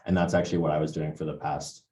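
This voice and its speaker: Joining a casual panel by video call, this Englishman speaks fast with a flat, mellow bass voice. His computer mic picks up reverb and slight background noise, and his MBA panel remarks are hesitant, full of fillers and restarts.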